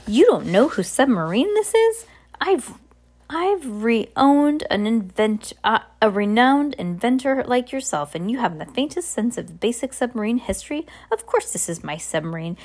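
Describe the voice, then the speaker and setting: A woman's voice: mid-range voice, lively intonation. A woman voicing a hyper, blustering male submarine captain in a children's storybook, rambling, exclaiming and contradicting themselves. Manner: rambling, self-contradicting, exclamatory rapid-fire talk. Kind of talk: children's storybook read aloud.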